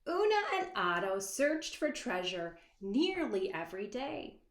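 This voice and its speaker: Reading from a picture book she wrote herself, a woman with a mid-range voice performs it slowly and dramatically in an echoey room. She draws out words, sinks into hushed tones, and stops now and then to put questions to the little children she seems to be addressing.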